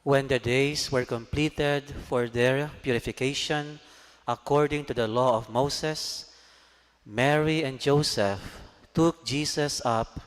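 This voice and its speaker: A man reading scripture as a priest at Mass, solemn, measured and formal, with cathedral echo around his voice. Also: mid-range voice. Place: large church, amplified. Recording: cathedral echo, long church reverb.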